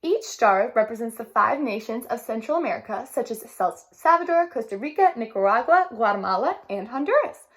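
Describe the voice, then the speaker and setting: Storybook schoolgirl, high and bright-voiced, earnest, played by a woman reader. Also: animated, a little fast, hardly any pauses, natural voice. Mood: nervous proud. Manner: upset, pleading. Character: shy young Honduran-American schoolgirl.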